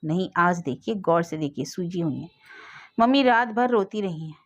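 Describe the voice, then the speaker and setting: A woman's voice: lowish voice, lively intonation, normal speed. A woman reading the lines of an outspoken young adult daughter who speaks firmly and insistently. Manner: firm, insistent. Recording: dull lo-fi audio.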